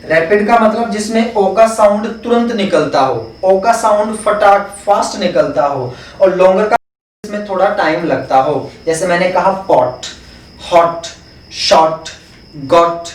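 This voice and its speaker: A man's voice: high-pitched, a little slow. Indian english guy teaching phonetics, asks stuff then answers it himself, echoey room. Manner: explains step by step, asks and answers his own questions. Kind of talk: exam-prep phonetics lesson. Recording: echoey room, mic far off.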